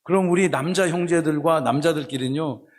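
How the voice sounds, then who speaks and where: A middle-aged man preaching a sermon as pastor in a church, telling stories with lively acted-out voices and folksy touches. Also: on the high side, brisk. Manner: animated storytelling, acting out characters in a folksy dialect. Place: church sanctuary.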